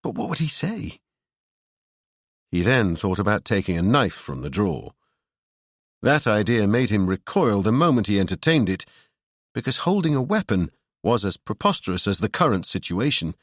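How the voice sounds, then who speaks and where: A man narrating a horror audiobook in a measured, brooding storytelling manner. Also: fairly low pitch, sing-song, dry recording, studio quality.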